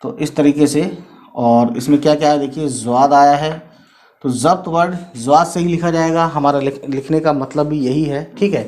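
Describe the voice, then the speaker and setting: A man teaching as a language tutor, talking casually, slowly sounding out letters and often adding little tag questions to check on his students. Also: fairly high pitch, steady tone, darkish tone, slight background noise. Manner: slow, repeats letters and sounds out spellings; frequent "theek hai" and "hai na" tags.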